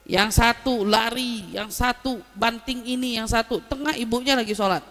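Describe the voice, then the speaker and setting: A woman giving a lively religious lesson, explaining Arabic terms and telling anecdotes. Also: fairly high pitch, normal speed, big-room sound. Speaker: Islamic religious teacher.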